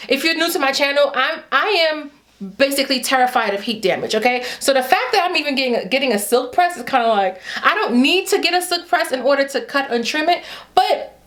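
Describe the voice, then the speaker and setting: A woman's voice: sits high, fairly quick. A woman from Haiti in her thirties, chatting casually to camera about her hair routine. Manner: chatty, animated, talks straight to viewers. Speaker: hair vlogger.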